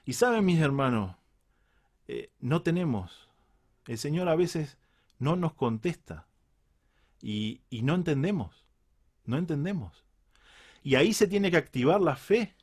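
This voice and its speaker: A man's voice: fairly high pitch, animated, measured pace, pauses often, a little mellow. A man with a Uruguayan Spanish accent preaching a reflective Bible sermon, earnest and repeating key phrases for emphasis.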